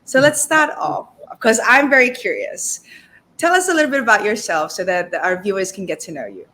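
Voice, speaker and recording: A woman's voice: medium pitch, expressive, a little fast, sharp tone. A woman co-hosting a talk show, introducing the guest and asking questions in an enthusiastic, upbeat way. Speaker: co-host.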